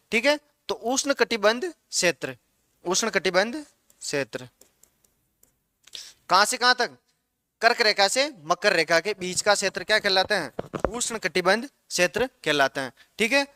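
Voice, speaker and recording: A man teaches a class in a classroom lecture, his voice high and bright. He keeps asking questions and repeating the answers back. The sound is close and dry, with no room echo. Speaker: geography teacher.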